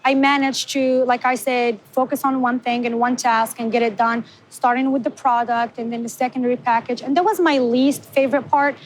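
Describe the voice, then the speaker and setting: A young woman from Morocco, a business founder giving a conversational interview and speaking in a measured way, sometimes searching for her words. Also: a little high, fairly even intonation, a little hiss or hum, low-quality recording.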